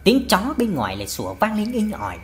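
A woman narrating a ghost story in a dramatic, expressive way. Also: mid-range voice, fast talker. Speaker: audiobook narrator.

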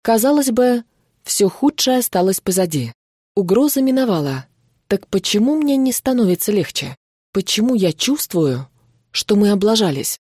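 A woman narrating a fantasy audiobook in the first person. Her reading is even and measured, with a dark, mellow tone. The sound is dry and close. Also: mid-range voice, no echo.

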